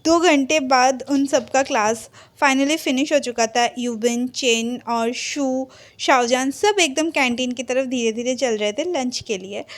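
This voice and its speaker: High-voiced woman casually retelling a story. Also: measured pace, few pauses. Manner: chatty, with frequent fillers and restarts. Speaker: fanfiction narrator.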